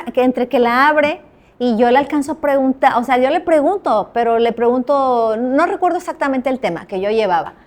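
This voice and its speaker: A woman journalist with a Mexican accent, a guest in an interview, telling her stories with animation and acting out the dialogue. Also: on the high side. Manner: animated storyteller, acts out quoted dialogue. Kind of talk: anecdotal interview talk.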